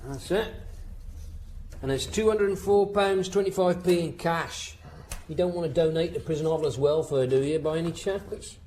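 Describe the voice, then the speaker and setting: An actor playing a sarcastic, offhand prison officer in a radio drama. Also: male voice, fairly high pitch, moderate pace, warm tone, slight background noise, lightly acted. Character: mocking male prison officer.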